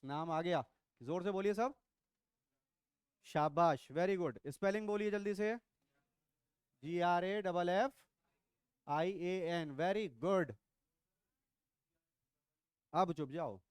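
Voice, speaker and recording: A man's voice: fairly high pitch, clear, resonant tone, no room sound, studio quality. A middle-aged man teaching biology to a class, quizzing and teasing his students as he lectures. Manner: teasing, quizzing students, mixes English into Hindi.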